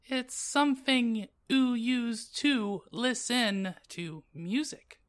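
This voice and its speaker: Moody goth teen girl, high and drawn-out, slow and theatrical, as a man puts her on. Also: fairly bright tone, full character voice. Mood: dramatic. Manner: high exaggerated girlish put-on voice. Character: gothic teenage girl narrator, dramatic and moody.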